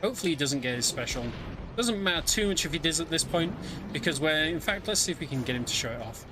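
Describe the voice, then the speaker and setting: Over a noisy background, this man speaks quickly in a highish voice with lively intonation. As a speedrunner playing his own run, he gives relaxed live commentary and explains the plot along the way.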